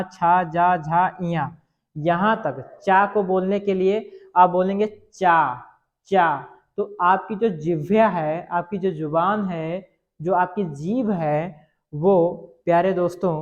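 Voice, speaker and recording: High-voiced male teacher drilling sounds. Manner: repeats sounds aloud and quizzes the listener. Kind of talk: exam-prep grammar lesson. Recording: dull lo-fi recording.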